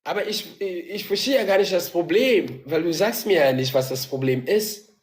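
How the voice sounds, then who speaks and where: A man's voice: high voice, animated, moderate pace. A man from Gabon hosting a casual video-call chat, teasing and questioning his guest playfully. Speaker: live-stream host.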